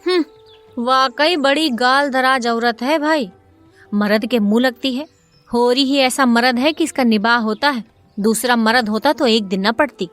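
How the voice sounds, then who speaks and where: A woman's voice: a little high, unhurried, a bit bright, faint music behind. A woman voicing a gossiping village shopkeeper who drawls snide remarks.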